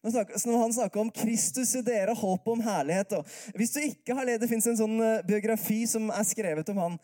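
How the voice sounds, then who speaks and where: Mellow-voiced man preaching calmly. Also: sits high. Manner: calm, conversational, with many rhetorical questions. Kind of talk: sermon.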